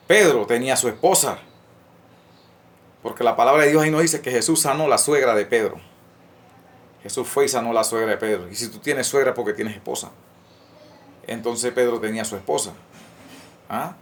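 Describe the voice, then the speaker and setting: A man giving an earnest, informal sermon, often stopping on fillers and restarts and asking his listeners rhetorical questions. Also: mid-range voice. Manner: earnest, repetitive, many hesitant restarts and fillers. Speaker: lay preacher. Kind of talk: informal preaching to camera.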